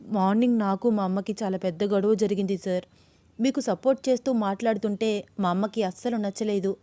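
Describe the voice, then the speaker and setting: A woman's voice: fairly even intonation, brisk, mellow, dry recording, close to an everyday voice. A woman voicing a young woman in love who is agitated and fiery, in an audio story. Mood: angry. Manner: shrill, agitated pleading.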